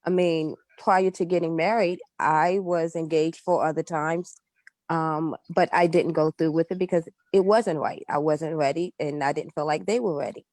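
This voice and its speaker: A woman's voice: deep voice, steady tone, normal speed, darkish tone, dry recording. A woman on a group call, talking candidly and reflectively in a casual discussion.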